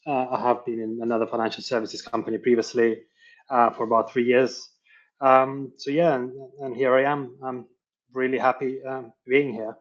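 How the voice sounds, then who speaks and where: Man from Lithuania, even halting delivery. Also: medium pitch. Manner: halting, many fillers and restarts. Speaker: financial controller, webinar guest. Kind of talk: conversational interview answers. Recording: dull lo-fi audio.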